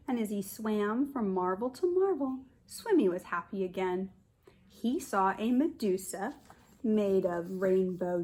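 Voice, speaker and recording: A kindergarten teacher in her forties reads a picture book aloud to young children, expressive and explaining along the way. Her voice is medium-pitched, and she's indoors in a living room at home.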